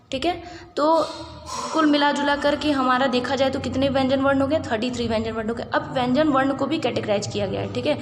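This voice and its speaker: A woman teaching a Sanskrit grammar lesson, patient and methodical, often asking rhetorical questions and checking in with her listeners. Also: high-pitched. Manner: patient, repeats "ठीक है" and asks rhetorical questions. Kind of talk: online lecture explaining grammar. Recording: echoey room with faint background hiss.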